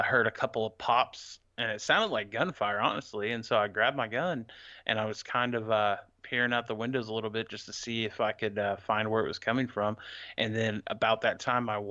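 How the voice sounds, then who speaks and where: A man's voice: lowish voice, pushed and bright, no echo, dull audio. A man chatting casually as a podcast co-host, telling rambling stories with many fillers. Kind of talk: casual chat.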